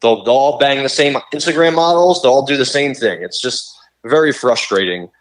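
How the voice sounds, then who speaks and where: Brief: young male podcast co-host, mid-pitched, blunt, swears freely, ranting sports talk. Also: normal speed, poor audio. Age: young adult.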